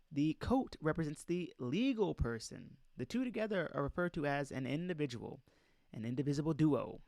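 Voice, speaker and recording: A presenter reads a document aloud and comments on it, his fairly high, slightly mellow voice recorded without echo. He speaks emphatically in a relaxed lecture style and puts questions directly to his listeners.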